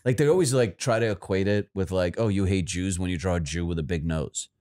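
A male podcast co-host with a fairly low voice. He talks in blunt, rambling stretches full of edgy jokes and restarts. The delivery is loose, casual banter. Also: fairly quick, darkish tone.

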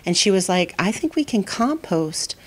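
A woman's voice: mid-range voice, big pitch swings, normal speed. A middle-aged woman, a school principal, answering interview questions with many fillers and restarts. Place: indoor school hallway.

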